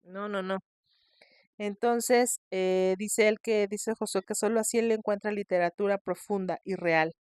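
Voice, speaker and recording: A woman hosting a podcast, telling a scary case in a chatty, expressive way. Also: medium pitch, moderate pace, few pauses, no room sound, studio quality. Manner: chatty, expressive, shrieks in mock fright. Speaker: podcast host. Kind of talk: casual storytelling.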